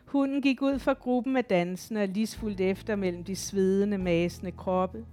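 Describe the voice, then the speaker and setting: A woman's voice: mid-range voice, steady tone, mellow, faint music behind. Woman reading a literary audiobook. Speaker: audiobook narrator.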